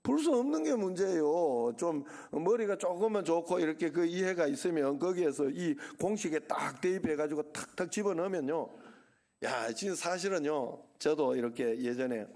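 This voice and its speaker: A man's voice: fairly high pitch, normal speed, darkish tone. A middle-aged male pastor with a Gyeongsang accent, preaching a sermon in a chatty way and often throwing questions to the congregation. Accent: Gyeongsang Korean. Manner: conversational, asks the congregation questions. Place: church sanctuary.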